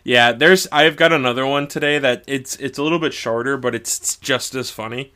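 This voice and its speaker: A man's voice: medium pitch, brisk, pushed and bright. A man co-hosting a podcast in casual chat, crude and joking, swearing freely. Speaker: podcast co-host.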